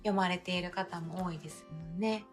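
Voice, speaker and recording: A woman with a Kansai accent co-hosting a casual couple's live stream, chatty and quick to laugh as she reads out listener comments. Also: fairly low pitch, steady tone, soft background music. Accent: Kansai Japanese. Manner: chatty, laughs easily, frequent backchannel nods.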